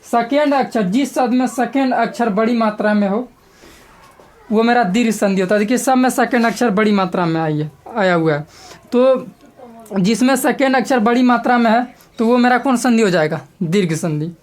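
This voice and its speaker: A woman's voice: on the high side, normal speed, a little mellow. A woman teacher giving a grammar lesson step by step, repeating key terms and asking the class questions.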